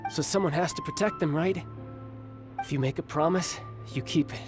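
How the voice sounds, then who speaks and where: An actor playing a cocky young warrior and protective big brother in a video game, breezy, self-assured and theatrical. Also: male voice, a little high, moderate pace, lightly acted. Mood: earnest. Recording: clear background game music.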